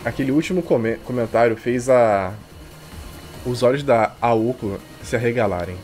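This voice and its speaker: With game music playing behind him, a Brazilian streamer reads a visual novel out loud and tosses in slangy, irreverent remarks. He speaks at a normal speed in a slightly mellow, mid-range voice.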